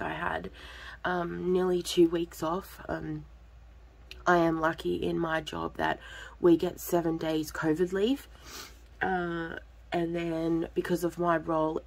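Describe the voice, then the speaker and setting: Her voice sits low, with vocal fry and a breathy edge, as this woman who runs a budgeting channel chats loosely with viewers. Still coughing and congested from a recent illness, her throat sounds a bit off and she fills her rambling with ums.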